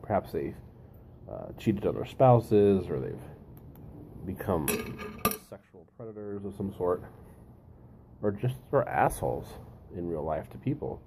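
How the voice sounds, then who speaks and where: Male host, deep-voiced and deliberate, musing over readings with pauses, faint-to-clear ambient noise behind. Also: lively intonation, warm tone. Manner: deliberate, pausing, repeats phrases for emphasis. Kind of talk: reflective monologue, reading and commenting.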